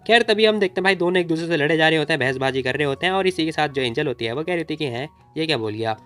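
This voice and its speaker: A man narrates a comic story in a chatty, informal way and keeps calling the listener brother. He talks very fast in a somewhat high voice. Faint music plays underneath. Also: fairly bright tone, clean tone. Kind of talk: casual story recap narration.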